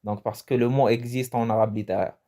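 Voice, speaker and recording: A man's voice: medium pitch, fairly even intonation, brisk, dark tone. A man from Morocco giving a casual, chatty language lesson, often restarting his phrases and laughing at his own jokes. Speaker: language teacher.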